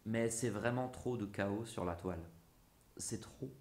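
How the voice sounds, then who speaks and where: A man's voice: on the low side, a little slow, a little mellow. A man reading a literary essay aloud in a musing, theatrical way. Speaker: narrator. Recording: roomy echo.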